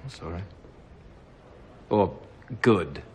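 A man's voice: low voice, expressive, very slow, slight background noise, heavily acted. An actor playing a sardonic, teasing British male vampire in a television drama, speaking with a wry drawl. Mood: awkward. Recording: dialogue over background music.

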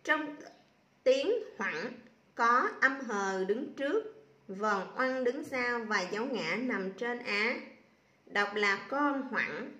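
Slow-spelling woman teacher, bright and echoey. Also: on the high side, expressive. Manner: slow, drawn-out spelling aloud of sounds and syllables. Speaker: primary school teacher. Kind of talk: reading lesson for young children. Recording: echoey room.

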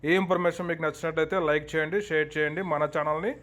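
A man's voice: fairly high pitch, flat delivery, rapid-fire, fairly bright tone. A man with a South Indian Telugu accent hosting an informational market price report, listing figures methodically in repeated set phrases with some English mixed in.

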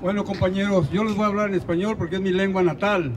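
An older Mexican man with a high, steady voice speaks fast into a handheld mic at an outdoor rally in a park, with a slight hiss or hum on the audio. His speech is earnest and rousing, and he puts pointed questions to the crowd.

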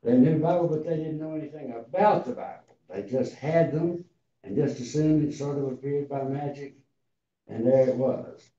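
In a large church hall, a man in his eighties preaches to a seated congregation, reading scripture slowly, deliberately, and haltingly. His mid-range voice is raspy yet tender and mellow. The sound is roomy, distant, and dull.

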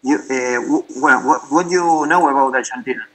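A man who is a non-native English speaker, asking press questions as a reporter in a halting, hesitant way. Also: mid-range voice, a bit bright, rough recording. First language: not English.

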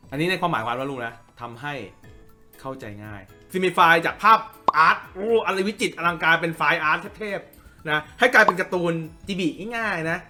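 A man teaches an informal drawing tutorial, repeating phrases for emphasis and checking in with listeners through frequent tag questions. His voice is on the high side and sharp in tone.

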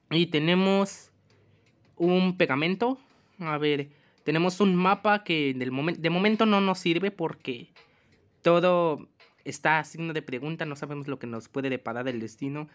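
A woman chatting casually over a game, reading items aloud and exclaiming at surprises. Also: fairly low pitch. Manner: chatty, exclaims and shrieks at scares. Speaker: gameplay voice-over narrator. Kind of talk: casual game commentary with character voices.

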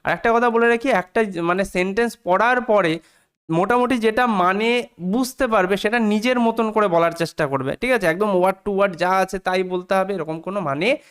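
A man's voice: sits high, moderate pace, a bit bright, smooth. A man, teaching English by explaining a story sentence by sentence, spelling words letter by letter and checking in with the students often.

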